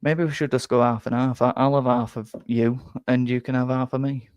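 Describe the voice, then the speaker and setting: Reading chat on a casual live stream, a young Yorkshire football fan rambles, puts himself down, and stumbles over and repeats words. His mid-range voice is brisk, a bit nasal and flat, with a clean tone. The recording is dry and close, with the highs cut off.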